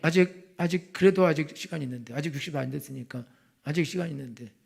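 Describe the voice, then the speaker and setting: A man's voice: on the high side, quick pace, creaky, darkish tone, husky. A middle-aged male pastor preaching a colloquial sermon, telling stories and acting out the voices of the people in them. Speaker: senior pastor.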